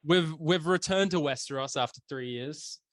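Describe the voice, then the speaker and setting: A man's voice: fairly high pitch, normal speed, dry recording, studio quality. A young man, hosting a casual podcast chat and telling stories with acted-out quotes. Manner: animated storyteller, acts out quotes. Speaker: podcast host.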